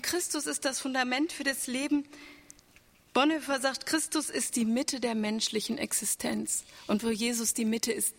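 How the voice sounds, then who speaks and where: Higher-voiced woman preaching in a reverberant church. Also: fairly bright tone. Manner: earnest, with rhetorical questions to the congregation. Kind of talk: Easter sermon.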